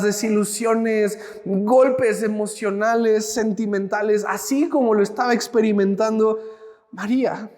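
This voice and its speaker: High-voiced man giving a reflective devotional. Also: darkish tone, in a large hall. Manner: reflective, addresses the listener directly with questions. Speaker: preacher. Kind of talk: devotional talk.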